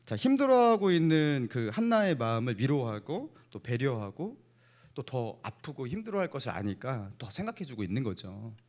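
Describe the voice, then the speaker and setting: A man's voice: mid-range voice, sing-song, normal speed, a little mellow. A middle-aged man preaching a Sunday sermon in a church, asking the congregation playful either-or questions and chuckling between points. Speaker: pastor. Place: church sanctuary.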